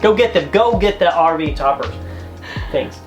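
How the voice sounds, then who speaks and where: A man's voice: fairly high pitch, lively intonation, normal speed, faint music behind. A man co-hosting a travel vlog, giving tips in a chatty, joking, emphatic way. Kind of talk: casual how-to chat.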